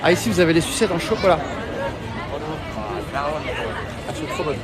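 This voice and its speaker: Holding his phone at an outdoor theme park, a male livestream host chats away in slangy, casual talk and swears now and then. His voice is a little high and his pace brisk, with park music and crowds audible in the background.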